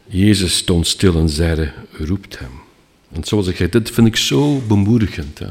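A man preaching a sermon, earnest and emphatic, often slowing down and dropping almost to a hush. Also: low-pitched, lively intonation, long reverb tail.

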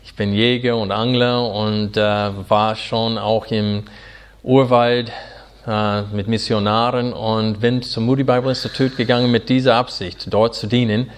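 An American man in his forties, an English native speaker, preaches with an American accent. His German is earnest but halting and full of small pauses, and his voice sits a little low. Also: level tone, clean tone. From Arkansas, USA. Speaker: pastor. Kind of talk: sermon.

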